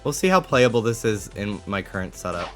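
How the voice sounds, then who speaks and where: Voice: mid-range voice, very animated, fairly quick, a bit bright. A game streamer giving casual live commentary while playing. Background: faint game music.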